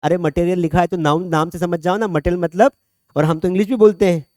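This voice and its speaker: A man's voice: high-pitched, fairly even intonation, quick pace, darkish tone, no room sound, clean studio sound. A man teaching English grammar in a classroom, speaking, chatty and joking as he quizzes students by name. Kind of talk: classroom lecture.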